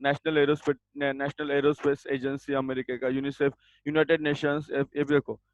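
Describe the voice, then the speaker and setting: A man teaching a grammar lesson over a video call, giving slow, deliberate definitions and sternly telling students to mute. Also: fairly high pitch, level tone, no room sound. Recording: dull lo-fi video call audio.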